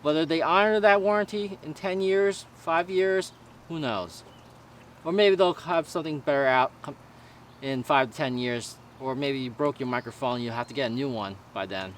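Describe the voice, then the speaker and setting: A man giving a casual product review in a halting, informal way, stumbling over words now and then. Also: on the high side. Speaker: gear reviewer. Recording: noisy raw camera-mic audio with ambience.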